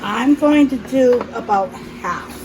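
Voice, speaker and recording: A woman's voice: a little high, lively intonation, slow pace, heavy background noise. A woman with a mild speech impediment, chatting casually as she narrates her cooking in a home kitchen, thinking aloud and correcting herself as she goes. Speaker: cooking vlogger.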